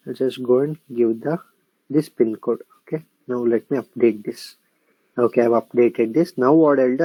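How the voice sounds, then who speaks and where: Typing along and repeating phrases, a software instructor with an Indian English accent explains each step of a screen-recorded tutorial, frequently asking "correct?" and "okay?". His voice is mid-range, with no echo and the highs cut off.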